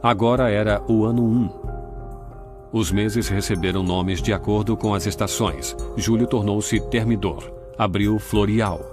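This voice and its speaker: A man reading scripted documentary narration in a grave, measured way, recorded as a studio voice-over. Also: on the low side, fairly even intonation. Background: music.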